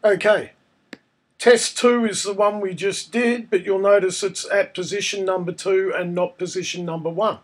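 A man, croaky and hoarse from a cold, narrating a casual step-by-step screencast tutorial. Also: high-pitched, steady tone, moderate pace. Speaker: tutorial presenter.

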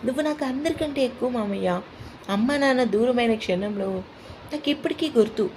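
A woman's voice: fairly high pitch, fairly quick, a little mellow, slight background noise, close to an everyday voice, poor audio. A woman voicing an eager young niece who dreams of studying medicine, speaking in a tender, pleading way.

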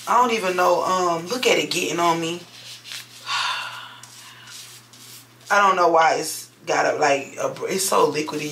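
A woman's voice: low-pitched, creaky, fairly bright tone, a little hiss or hum, low-quality recording. A young woman vlogging at home, chatting casually to her viewers, profane and exasperated. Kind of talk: casual vlog chat.

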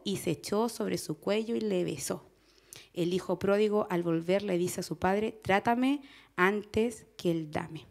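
A woman's voice: medium pitch, darkish tone. A woman with a Chilean accent preaching a conversational sermon in church, often asking the congregation questions and laughing. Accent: Chilean Spanish.

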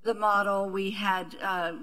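A middle-aged woman, a university administrator, giving a measured panel presentation with many fillers and restarts, seated at a table in a conference room. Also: medium pitch, flat delivery, a bit bright, soft background music, rough recording.

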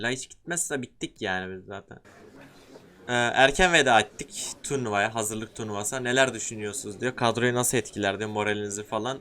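A young man with a mid-pitched voice talks through a football career game. His delivery is excitable and slangy, and he swings from loud enthusiasm to muttered asides as he addresses the screen and his viewers. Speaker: gaming YouTuber. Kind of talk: casual gameplay commentary.

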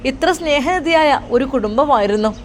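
A woman tells an emotional family story in earnest, heartfelt narration. Her voice sits fairly high. A faint hiss of background noise runs underneath. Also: expressive, moderate pace.

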